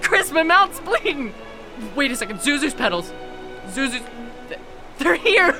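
An actress doing a frantic young mother, her high voice breaking into tearful pleas. She talks slowly over a swelling music score. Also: sing-song, full character voice. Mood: giddy joy. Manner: pleading, tearful cries. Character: desperate then overjoyed woman, a mother of young kids. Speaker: lead character Jane.

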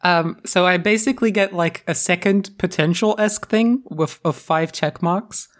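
A player in a tabletop game, thinking aloud haltingly with many fillers while describing their character's moves. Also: medium pitch. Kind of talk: casual tabletop play.

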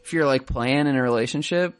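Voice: mid-range voice, fast, clear, resonant tone. A podcast co-host in casual banter, musing in a rambling, tentative way. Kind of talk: casual banter about music.

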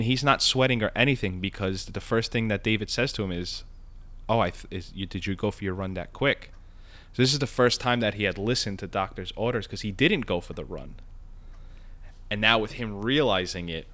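A man hosting a casual podcast, animated and asking leading questions about a TV episode. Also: lowish voice, a little fast. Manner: animated, asks leading questions, many fillers. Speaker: podcast host. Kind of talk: casual chat discussing a TV episode.

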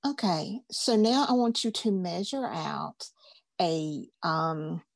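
A woman's voice: on the low side, slow pace, creaky, no room sound. A woman, teaching a craft class in a chatty, upbeat, folksy way. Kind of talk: casual craft class instruction.

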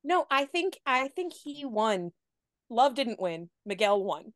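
A woman's voice: on the high side, very animated, slow pace, a bit bright, dry recording, studio quality. A young adult woman chatting as a podcast guest, telling stories with lots of "like" and laughter. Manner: chatty storytelling with frequent "like" and laughs. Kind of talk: casual chat.

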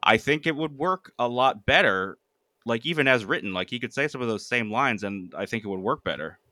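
A man's voice: mid-range voice, animated, a little fast, pushed and bright, no room sound, clean studio sound. A man with a General American accent, talking casually as he leads a podcast discussion about film. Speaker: podcast host leading the discussion.

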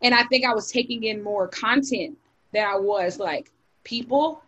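A woman's voice: fairly high pitch, moderate pace, a bit bright, lo-fi sound. A young woman from the United States in casual group chat on a podcast, talking in long runs with many fillers and restarts.

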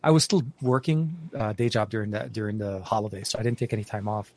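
A man's voice: lowish voice, fast talker, a little mellow, dry recording. A man co-hosting a casual tech podcast, rambling with many restarts, fillers and frequent laughs. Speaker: podcast co-host.

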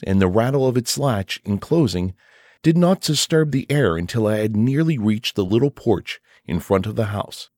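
A man reading a classic short story aloud as an audiobook narrator, in a measured, unhurried way. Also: lowish voice, a little mellow, no room sound, clean studio sound. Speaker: audiobook reader. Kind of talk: scripted narration.

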